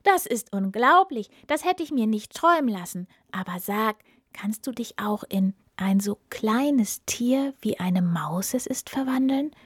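A woman voicing a clever, flattering male talking cat from a fairy tale, with a bright, eager, cunning manner. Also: mid-range voice, slow, few pauses, breathy edge, no echo, studio quality.

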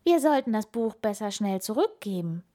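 A woman's voice: mid-range voice, very animated, moderate pace, mellow, pitched above the performer's own voice. A woman voicing an anxious little hedgehog in a read-aloud storybook, speaking in a fretful way.

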